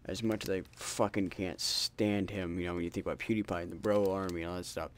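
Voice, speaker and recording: A man's voice: deep voice, fairly even intonation, fast talker. A tired man hosting a gaming channel, rambling casually to his viewers and swearing freely. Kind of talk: rambling outro chat to viewers.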